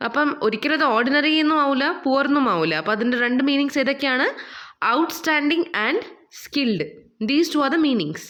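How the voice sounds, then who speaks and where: High-voiced woman teaching vocabulary. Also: animated, a bit bright. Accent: Malayali English. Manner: explains in a mix of Malayalam and English, asking and answering her own questions; slow, careful reading of English passages. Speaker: English teacher. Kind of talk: recorded online English lesson.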